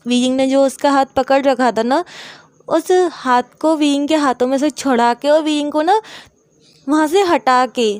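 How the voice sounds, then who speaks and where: High pitched woman casually retelling a love story, chatty, fillers everywhere. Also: normal speed, dry recording. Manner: chatty, frequent filler "ना", mixes English words. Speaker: fan fiction storyteller.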